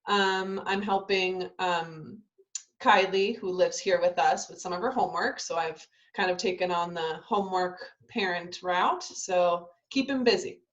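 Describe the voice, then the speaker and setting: The audio is dull as this young adult woman, a ballet dancer born in Italy who grew up in Southern California, talks at a measured pace in a lowish voice. It is a relaxed video-call interview, with frequent ums and restarts.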